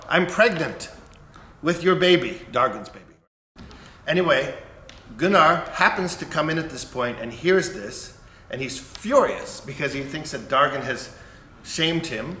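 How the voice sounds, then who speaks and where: A man's voice: medium pitch, bright, forceful tone. A man, a conductor, casually retelling an opera plot and briefly acting out the characters' lines. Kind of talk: casual spoken introduction. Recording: echoey room with faint noise.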